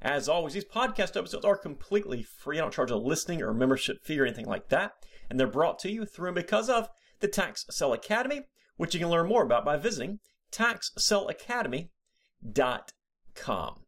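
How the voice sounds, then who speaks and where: A man's voice: on the high side, very animated, brisk, fairly bright tone. A man hosting his own podcast, delivering a scripted solo monologue with emphatic, sarcastic turns. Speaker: podcast host.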